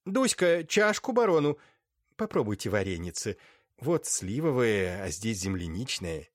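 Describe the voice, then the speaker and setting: A man's voice: on the low side, sing-song, measured pace, no room sound, studio quality. A man voicing a fussy older aunt who hosts guests and orders the servants about. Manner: fussy, bossy toward servants. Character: aging female aunt, fussy hostess.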